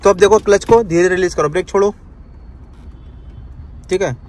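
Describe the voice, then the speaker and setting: A driving instructor with a high-pitched but darkish voice speaks at normal speed inside a car, guiding his student through each step. He's instructive, repeats his commands, and tacks "ठीक है" onto his lines.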